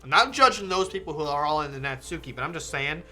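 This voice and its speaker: Animated, bright-voiced gaming streamer over music. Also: medium pitch, fast talker. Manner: animated, profane, rambling and self-interrupting. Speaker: gaming streamer reading a visual novel aloud. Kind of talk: casual, chatty game commentary.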